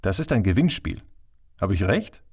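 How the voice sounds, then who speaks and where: A man's voice: deep voice, big pitch swings, moderate pace, darkish tone, husky, full character voice. A man voicing a playful adult son who teases his parents in standard German. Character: grown son, city-dwelling, playful and teasing.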